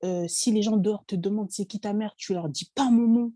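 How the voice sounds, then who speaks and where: A woman's voice: medium pitch, a little fast, dark tone, no echo, studio quality, close to an everyday voice. A woman voicing her angry mother, who scolds and disowns her daughter in a raised voice. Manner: scolding, cold.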